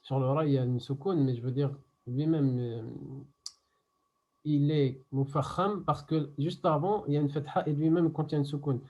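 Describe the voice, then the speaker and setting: A man teaching a Quran recitation class online, patiently explaining step by step and repeating words slowly. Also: on the high side, steady tone, darkish tone, lo-fi sound.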